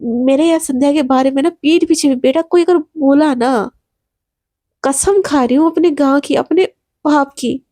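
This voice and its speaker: A woman's voice: high-pitched, a little slow, mellow, dry recording, clean studio sound. A woman voicing a fierce, defiant young college woman who talks bluntly and threatens anyone who crosses her. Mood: threatening.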